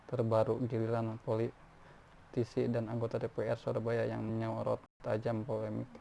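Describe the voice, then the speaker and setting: A man's voice: mid-range voice, gravelly, mellow. A man reading news articles aloud, often stumbling and restarting words. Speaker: news reader. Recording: faint background noise.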